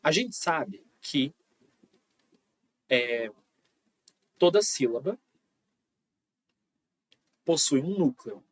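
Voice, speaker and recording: A man teaches phonology in an online lecture, his voice a touch husky. He explains step by step and keeps checking in with his listeners. The sound is close and dry, with no room around it. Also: fairly high pitch, animated, drawn-out words, pauses often, no echo. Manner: explains patiently, with frequent "tá?" checks. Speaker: linguistics teacher.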